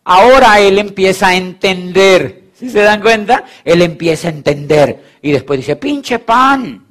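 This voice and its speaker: A man's voice: high voice, moderate pace. A man giving a motivational talk on network marketing, telling stories with playful teasing and acting out both sides of the conversations. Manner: animated storytelling, acting out both sides of dialogues.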